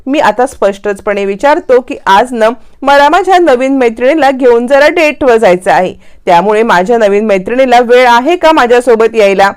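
A woman's voice: a little high, expressive, moderate pace, few pauses, smooth, natural voice. A woman voicing a young husband, earnest and firm, in a retold serial story. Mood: coaxing.

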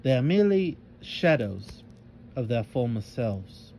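A man's voice: mid-range voice, very animated, unhurried, creaky, mellow, a little hiss or hum. A man voicing a mysterious, repentant ghostly old man who speaks in a solemn, old-fashioned way. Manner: solemn, archaic and brooding.

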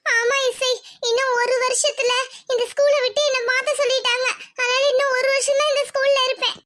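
A woman voicing a gentle young female schoolteacher in a cartoon, soft and sad. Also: very high-pitched, level tone, a little fast.

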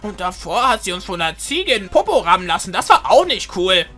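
A woman and YouTuber who plays a child in a Minecraft role-play, excitable and playfully whiny. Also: mid-range voice, brisk, soft background music. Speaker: YouTuber, host.

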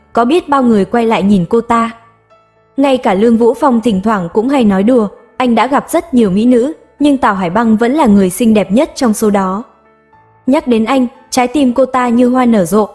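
Woman audiobook narrator, steady storytelling read, slightly high pitch, faint music bed. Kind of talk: scripted narration of a romance novel. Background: soft background music.

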